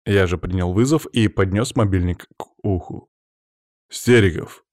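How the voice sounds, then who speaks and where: A man narrating a first-person audiobook in a low voice. His reading is quiet and measured, often dropping to a hush. The sound is dry and close, with no room echo.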